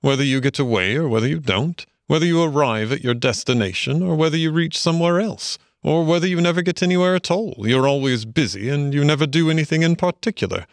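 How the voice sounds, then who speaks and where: A man's voice: fairly high pitch, quick pace, few pauses, no echo, studio quality, voice pushed up, close to an everyday voice. A man reading a storybook aloud, voicing a genial, dreamy male water rat who speaks solemnly and enthusiastically.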